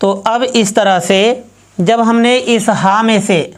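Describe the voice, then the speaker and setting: A woman's voice: fairly high pitch, slow pace. A woman teaching Sanskrit grammar, walking through each step methodically and repeating herself as she works an example.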